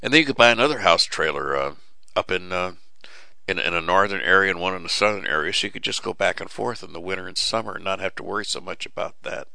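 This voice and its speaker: At a quick pace, this middle-aged radio host rambles in a folksy, preachy way, stumbling through fillers and restarts. His voice, very low and gravelly with a hard, bright edge, is beginning to give out after talking so long. He's recorded dry and close, with no echo, on a studio mic fitted with a cough button.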